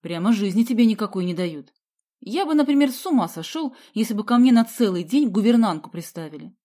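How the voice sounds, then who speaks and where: A woman's voice: mid-range voice, lively intonation, a little fast, warm tone, natural voice. A woman voicing a cocky schoolboy who mocks his friends in a boastful tone. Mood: defensive. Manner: boastful, mocking. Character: cocky teasing schoolboy Sidyakin.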